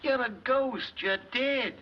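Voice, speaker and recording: A man's voice: fairly low pitch, very animated, moderate pace, breathy edge, exaggerated voice. A man playing a flustered, henpecked middle-aged banker in old Hollywood screwball comedy banter, protesting defensively. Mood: panicked. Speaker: actor in a comedy film. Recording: dull, noisy old film soundtrack.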